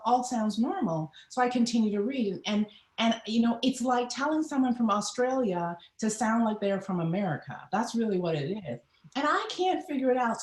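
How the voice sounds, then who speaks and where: A middle-aged woman from Trinidad with a Trinidadian accent, animatedly telling a personal story as an interview guest. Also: fairly high pitch. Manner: animated, acts out voices in her story. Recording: roomy echo.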